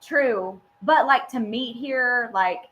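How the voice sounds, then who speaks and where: Lady in her 30s, kinda high voice, laughs at herself a lot, radio morning chat. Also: takes it slowly, fairly bright tone, poor audio. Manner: giggly, self-deprecating. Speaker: radio show co-host.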